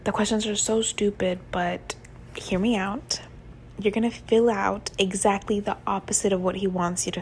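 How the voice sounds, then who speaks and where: A woman's voice: medium pitch, darkish tone. A woman speaks casually and conspiratorially, as if letting viewers in on a trick. There is faint ambient noise behind her. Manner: conspiratorial, chatty. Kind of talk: casual talk to camera.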